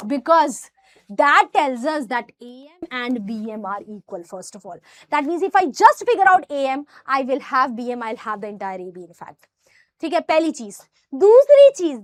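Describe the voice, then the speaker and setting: Female maths teacher, North Indian accent, high-pitched, direct and emphatic classroom-style explaining, dry recording. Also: a bit bright, no room sound. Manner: emphatic, addresses students directly. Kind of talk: explanatory lesson with rhetorical questions.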